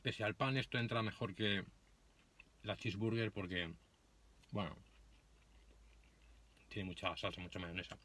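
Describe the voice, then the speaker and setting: A man from doing casual food vlog commentary with a relaxed, chatty manner, talking with his mouth full of burger. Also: fairly low pitch, a little slow, long pauses. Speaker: food vlogger.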